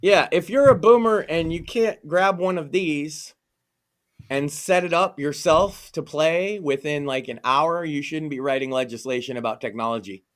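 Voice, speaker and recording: A young man hosting a casual podcast chat, mocking and animated, often mimicking others in exaggerated voices. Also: a little high, moderate pace. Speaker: podcast host.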